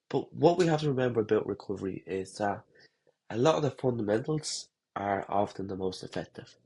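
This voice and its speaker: A running coach with a lowish voice, congested and slightly husky from a head cold, talks to camera for runners. The lesson is relaxed and rambling, full of fillers and restarts.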